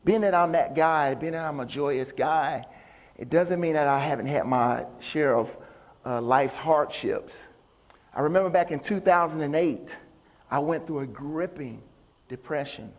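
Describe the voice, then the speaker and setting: A man with a voice on the high side speaks a little slowly while delivering an upbeat, folksy stage talk as a motivational speaker and musician. He banters with the crowd in a large indoor venue, and the recording echoes like a hall.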